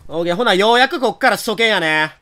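Excitable Kansai man with a bright voice. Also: high voice, fast talker. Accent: Kansai Japanese. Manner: excitable, loud outbursts and joking asides. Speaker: gameplay commentator. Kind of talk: casual game commentary.

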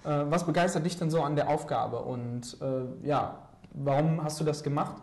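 A man's voice: a little high, normal speed, a little mellow, echoey room. A young man hosting a student TV studio interview, asking questions with many fillers and hesitations. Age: young adult. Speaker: host. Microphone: lapel mic.

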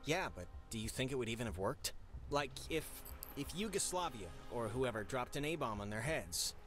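A man voicing an anxious teenage boy in a video game, talking casually and haltingly in a naturalistic style. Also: medium pitch, expressive, fairly bright tone, close to an everyday voice. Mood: wry, joking. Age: young adult. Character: anxious teenage boy, joking, pleading, hesitant. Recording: music under the voice.

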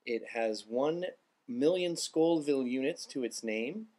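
A man's voice: medium pitch, lively intonation, measured pace, mellow. A man in his thirties explaining things casually to the camera as a vlogger. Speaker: vlogger introducing a taste test. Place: small indoor room lined with bookshelves.

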